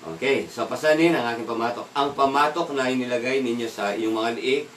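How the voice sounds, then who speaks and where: A man gives a casual evening devotional and keeps asking his listeners questions. His voice is middle-pitched and comes from a distance in an echoey room. A faint room hum sits behind him. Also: fairly quick. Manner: asks the listeners questions, mixes in English words, laughs now and then. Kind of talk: conversational Bible devotional talk.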